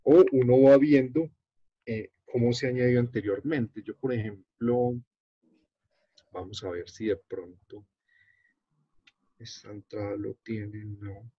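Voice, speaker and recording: A man with a Colombian accent leads an online workshop, explaining a web page as he shows it on screen. He talks in a halting, unhurried way, full of fillers and restarts. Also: medium pitch, slightly rough, no room sound. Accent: Colombian Spanish. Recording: dull, dry video-call audio.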